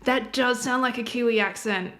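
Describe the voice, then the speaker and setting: A young woman chatting casually as she reacts to a game trailer, rambling and thinking out loud. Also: fairly high pitch, normal speed, noisy background. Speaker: reaction video host.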